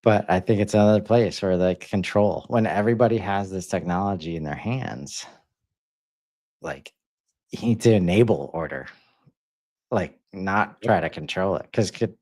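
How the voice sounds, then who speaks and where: A man's voice: low-pitched, normal speed, darkish tone. A man co-hosting a podcast, talking casually and hesitantly with many fillers. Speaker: podcast co-host.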